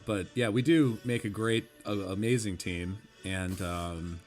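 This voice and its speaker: A man's voice: fairly low pitch, a little slow, darkish tone, faint music behind. A man co-hosting a casual book podcast, laughing often and restarting his sentences as he talks. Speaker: podcast co-host.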